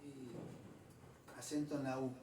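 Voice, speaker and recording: A male pastor, preaching a conversational sermon. He digresses often and spells out Greek words slowly. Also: mid-range voice, level tone, mellow. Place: church hall. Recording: echoey room, distant mic, faint ambient noise.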